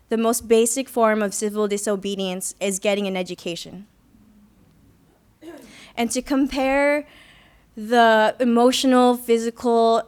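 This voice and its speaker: A young Filipina student activist gives an earnest personal testimony speech in a conference hall. Her slightly high voice is clear and resonant, and her reflective storytelling carries light self-deprecating humor.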